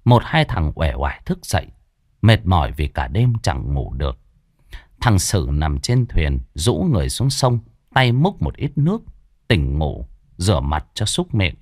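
A man narrating a horror story in a dramatic, expressive storytelling manner. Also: a bass voice, a little slow, no room sound, studio quality.

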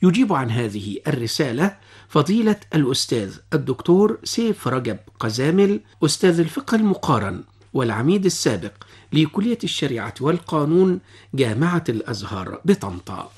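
Husky Egyptian man presenting in formal Standard Arabic. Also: fairly high pitch, big pitch swings, fairly quick, a little mellow. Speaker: radio host. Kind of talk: formal radio presenting, reading a listener's letter.

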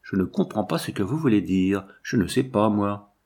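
Man voicing a scared orphan boy, timid, tearful, husky. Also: on the low side, animated, normal speed, a little mellow, heavily acted. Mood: confused.

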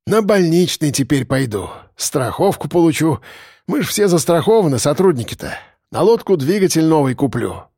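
A man voicing a gruff, stern village police officer who barks exasperated orders. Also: on the high side, very animated, normal speed, darkish tone, no echo, studio quality, heavily acted. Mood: plain.

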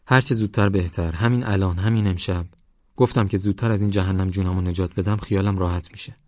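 A man's voice: low-pitched, fairly even intonation, darkish tone, dry recording, lo-fi sound, natural voice. A man reading an audiobook, voicing a fierce young village woman who refuses to be sold, in a raised voice. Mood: defiant. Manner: fierce, pleading.

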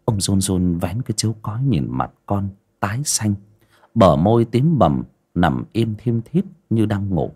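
A man narrating a story for an audiobook site in an expressive, scripted reading. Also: on the low side, a little slow, husky. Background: faint music bed.

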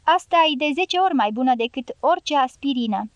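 A woman reading the part of a calm, sly older male guerrilla leader who gives quiet orders in an audiobook. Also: high-pitched, dry recording. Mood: gleeful.

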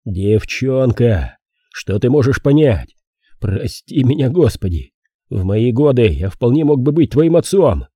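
A man voicing a gruff, blunt detective in his thirties in an audiobook. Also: medium pitch, expressive, unhurried, mellow, no room sound, studio quality. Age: 30s.

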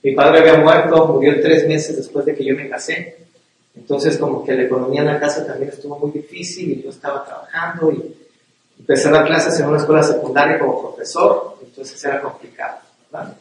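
A man's voice: fairly high pitch, steady tone, brisk. A middle-aged man with a Mexican accent preaching a sermon to men, earnest and repeating himself for emphasis, often checking in with "¿sí?". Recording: very echoey hall, speaker far from the mic.

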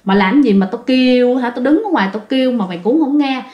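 Blunt, rough-talking male boss acted by a woman storyteller, Southern Vietnamese accent, fairly high voice, roomy dull sound. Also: fast, lightly acted. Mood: scolding. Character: gruff male boss scolding a worker. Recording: roomy, slightly dull recording.

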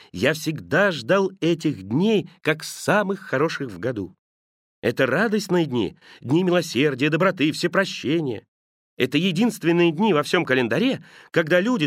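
A man's voice: a little high, a bit bright, dry recording, clean studio sound, pitched above the performer's own voice. A man reading the part of a cheerful, earnest young man. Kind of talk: audiobook character reading.

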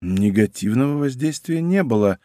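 A man voicing a hesitant, soft-spoken female fox spirit in an audiobook. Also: medium pitch, expressive, normal speed, no room sound, clean studio sound, natural voice. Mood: puzzled. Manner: unsure, soft. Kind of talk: audiobook character reading.

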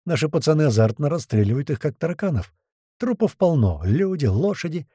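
A man telling a first-person story as an audiobook narrator, in a lively, vivid manner. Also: a little high, fairly quick, slightly rough, no room sound, clean studio sound.

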